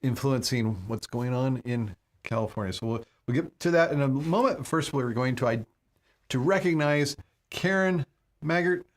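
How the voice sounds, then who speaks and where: A man's voice: mid-range voice, normal speed. A man hosting a live medical talk show, chatting casually and often repeating words as he goes. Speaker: host.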